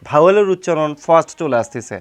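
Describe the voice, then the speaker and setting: A man's voice: fairly high pitch, animated, quick pace. A man with a Bangladeshi Bengali accent teaching English grammar, explaining rules through examples, asking himself questions and answering them, and spelling words out letter by letter.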